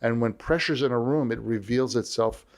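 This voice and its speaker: A man talking as an interview guest, with an animated storytelling manner. He acts out the voices of people he quotes, and his pitch moves around a lot as he explains his points. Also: normal speed. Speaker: leadership strategist guest. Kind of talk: conversational interview.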